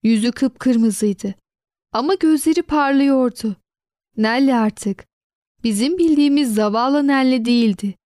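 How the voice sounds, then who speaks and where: A woman narrating a children's storybook in an expressive reading voice, giving quoted lines a lively lift. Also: high-pitched, a little slow, no echo, clean studio sound.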